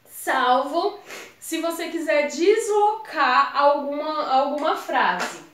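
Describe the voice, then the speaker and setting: High-voiced Brazilian woman tutoring. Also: expressive, slow pace, a bit bright, reverberant, a little hiss or hum. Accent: Brazilian Portuguese. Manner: chatty, addresses viewers as gente. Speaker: exam prep tutor. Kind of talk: casual explanatory lesson.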